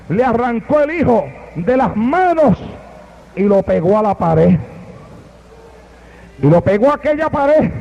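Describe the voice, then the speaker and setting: A man preaching a fiery sermon, telling a story emphatically and calling out to the congregation. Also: very high-pitched. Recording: dull lo-fi sound.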